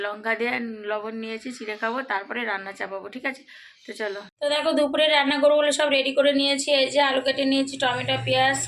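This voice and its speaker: A middle-aged woman, slightly hoarse, chatting casually to viewers through a daily-routine vlog and often checking in with them. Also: on the high side, fairly bright tone. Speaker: vlogger.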